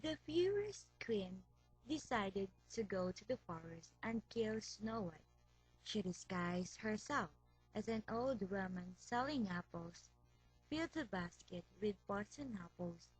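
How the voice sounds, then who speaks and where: A woman reading a fairy tale aloud as storyteller, slow and careful. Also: mid-range voice, animated, husky, soft background music, rough recording.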